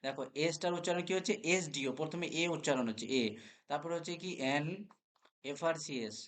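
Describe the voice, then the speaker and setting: Bengali guy teaching grammar online, slightly high voice, keeps asking students if they got it. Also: fast talker. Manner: checks in with students often, spells words letter by letter. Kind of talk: live online class lecture.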